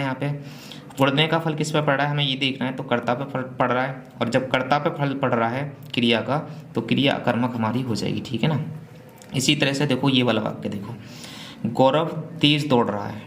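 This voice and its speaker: A man teaching a Hindi grammar revision class, asking questions and answering them himself. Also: medium pitch. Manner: asks and answers his own questions. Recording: echoey room with faint hum.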